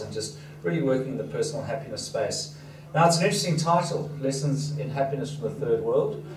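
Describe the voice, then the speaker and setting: This mellow, mid-range male voice belongs to a seminar speaker who grew up in Africa and speaks Danish as his native tongue, with a slight foreign accent. Addressing an audience in an event hall, he keeps his talk chatty and pokes fun at himself. The sound is distant and roomy, and the hall is noisy.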